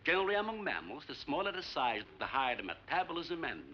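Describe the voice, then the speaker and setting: A courtly old scientist. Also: male voice, on the high side, very animated, quick pace, slight background noise. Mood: earnest. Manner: formal, explanatory, polite. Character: older male scientist, courtly and earnest. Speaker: scientist and island host. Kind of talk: 1950s film acting. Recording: dull old film soundtrack with faint music.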